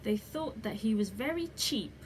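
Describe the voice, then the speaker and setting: A woman reading a children's bedtime story aloud in an unhurried, measured way, like the opening of a fairy tale. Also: fairly high pitch, animated. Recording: clearly noisy background ambience.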